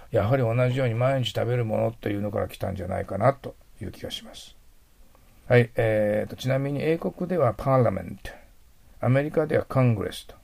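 A man's voice: medium pitch, creaky, a little mellow. A middle-aged man teaching an English vocabulary lesson, patient and explanatory, often trailing into a near whisper at the ends of phrases.

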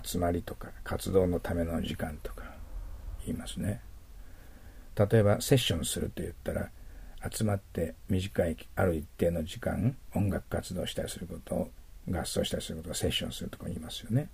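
A man teaching English vocabulary in a recorded lesson, explaining each word patiently and often trailing off into soft, near-whispered asides. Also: on the low side, gravelly, husky, dry recording.

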